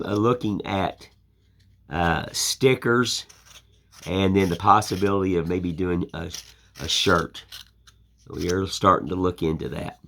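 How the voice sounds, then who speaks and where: Showing his woodcarving, the host, an older American, rambles in relaxed, folksy, plainspoken conversation. His voice is low and a bit bright.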